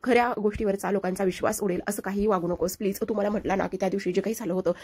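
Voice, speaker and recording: A woman's voice: medium pitch, steady tone, racing, darkish tone, husky. A woman reading the lines of a young woman who earnestly begs to be believed. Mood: imploring. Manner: earnest, imploring. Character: young woman desperately defending her honor.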